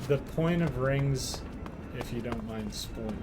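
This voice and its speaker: A man's voice: medium pitch, measured pace. A young man chatting casually while playing a video game, rambling and laughing often. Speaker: let's play co-host. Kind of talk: casual gaming chat. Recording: game music behind. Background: game music.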